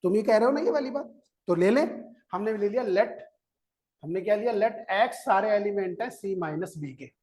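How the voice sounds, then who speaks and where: Here a male maths teacher speaks at a moderate pace, his high-pitched voice carrying a darkish tone. Throughout the lecture he coaxes and quizzes the class, repeats the key steps, and urges everyone to listen before writing.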